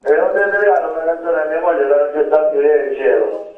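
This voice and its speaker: A man's voice: a little high, fast, recorded from a distance, a crowd in the background. A man calling a show by phone to chat casually and request a song, on a tinny, echoing line. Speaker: phone-in caller. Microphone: telephone.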